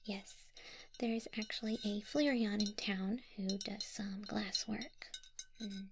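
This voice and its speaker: Gentle, helpful Leafeon shopkeeper, played by a woman, whispered and unhurried with a creaky edge, for an ASMR roleplay. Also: medium pitch, steady tone, noisy background. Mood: soothing. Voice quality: soft whisper. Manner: soothing, unhurried shopkeeper talk. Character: gentle female Leafeon florist, calm and helpful.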